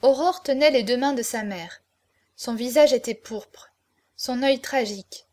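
A woman narrating a dramatic novel aloud in an expressive, measured way. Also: fairly high pitch.

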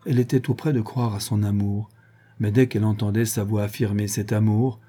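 A man reading a novel aloud in a measured, even storytelling manner. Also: fairly low pitch, breathy edge. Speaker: audiobook reader. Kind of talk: scripted novel narration.

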